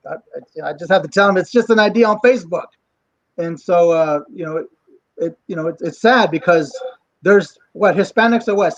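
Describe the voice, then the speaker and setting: A man with an American accent, also heard when he speaks Spanish, talking haltingly as an interview guest. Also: sits high. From Texas, United States. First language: English. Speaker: guest, actor and writer. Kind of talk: informal interview over video call. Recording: dull lo-fi call microphone.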